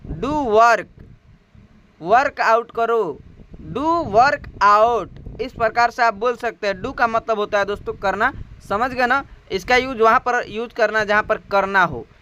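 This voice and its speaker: A man's voice: very high voice, bright, forceful tone, slight background noise. A man with a Hindi accent teaching English to Hindi speakers, spelling out words, repeating them and asking his viewers questions. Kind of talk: spoken language lesson.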